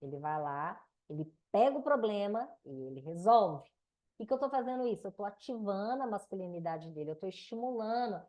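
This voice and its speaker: A woman with a Brazilian Portuguese accent leads a mentoring lesson on relationships. She speaks in a teaching manner, posing questions to her students and answering them herself. Her voice sits at an ordinary middle pitch. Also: lively intonation, a little fast, warm tone. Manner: didactic, asks and answers her own questions. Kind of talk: mentoring class lecture.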